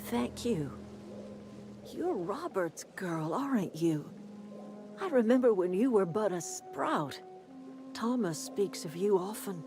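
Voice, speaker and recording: A woman playing a proud, defiant old grandmother in a video game, with a folksy, dry, sharp-tongued manner. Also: mid-range voice. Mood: wry, folksy. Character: proud, defiant old grandmother leading a settlement, wryly sardonic. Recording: game music behind the voice.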